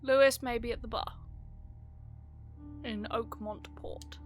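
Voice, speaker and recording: A woman's voice: on the high side, fairly even intonation, slow pace, faint music behind. A woman giving casual, sarcastic let's play commentary as she plays a video game, with blunt asides.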